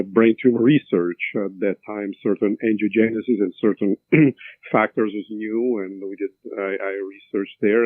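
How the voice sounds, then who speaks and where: A man's voice: fairly low pitch, no echo. Albanian man on a tinny line. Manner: halting, many fillers and restarts. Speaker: neurosurgeon guest. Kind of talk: interview answers. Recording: tinny phone-like line, dry.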